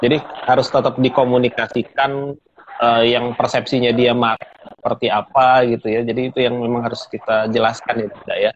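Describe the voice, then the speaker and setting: A man's voice: medium pitch, little pitch movement, a little fast. A man hosting an online parenting class, chatting casually and affirming often. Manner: agreeable, frequent affirming fillers. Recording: dull lo-fi audio with faint noise.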